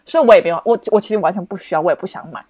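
A young woman, hosting a podcast and telling a story in casual, expressive chat. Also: medium pitch, rapid-fire, no room sound. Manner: animated, expressive, lots of restarts and exclamations. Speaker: podcast host.

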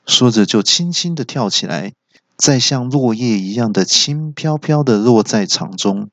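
A man, a podcast host telling a comic story and acting out every character in an animated way. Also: medium pitch, unhurried, no room sound.

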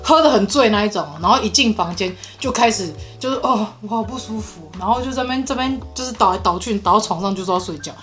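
A woman's voice: medium pitch, quick pace, hardly any pauses, soft background music. A woman in her thirties with a Taiwanese Mandarin accent, hosting a podcast and telling stories in casual chat while laughing often. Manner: laughs often, animated storyteller. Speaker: podcast host, mother.

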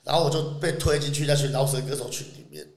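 Taiwanese-accented man, fast, animated storytelling, laughs a lot, echoey room. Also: on the high side. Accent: Taiwanese Mandarin. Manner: animated, laughs often, slips into Taiwanese swearing. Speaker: podcast guest. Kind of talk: casual storytelling chat.

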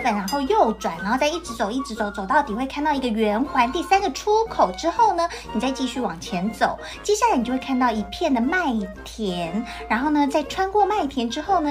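A woman voicing a clever, scheming male cat in boots who speaks eagerly and politely. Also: sits high. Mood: persuasive.

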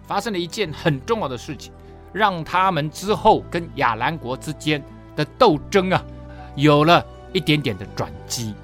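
A man teaching a Bible study, lively and repeating phrases for emphasis. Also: a little high.

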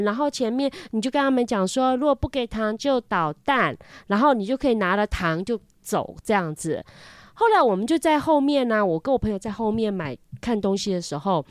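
A woman in her thirties with a Taiwanese Mandarin accent, telling a story from her life as a mother in an animated way, often repeating words. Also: no echo, studio quality. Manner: animated, repeats words, lively pitch jumps. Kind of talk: casual storytelling chat.

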